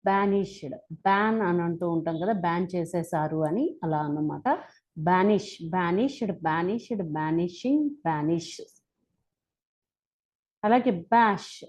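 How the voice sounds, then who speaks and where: A woman with a Telugu accent teaching English verb forms, reciting each form one by one slowly and deliberately. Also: lowish voice, darkish tone. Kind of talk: slow spoken-English lesson.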